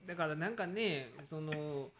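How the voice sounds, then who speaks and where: A man with a Kansai accent, a lawyer hosting a podcast, telling animated stories and acting out phone calls in casual comic chat from an office. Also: a little high, a little slow.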